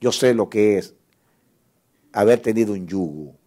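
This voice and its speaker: A man's voice: on the low side, measured pace, mellow. A male guest pastor preaching a sermon, telling an emotional testimony with repeated words and reading scripture aloud with rising force.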